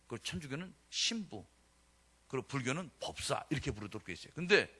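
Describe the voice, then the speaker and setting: A man's voice: medium pitch, breathy edge. A middle-aged man, a pastor, preaching a sermon as a story and acting out the voices of the people in it. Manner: animated storytelling that acts out quoted voices.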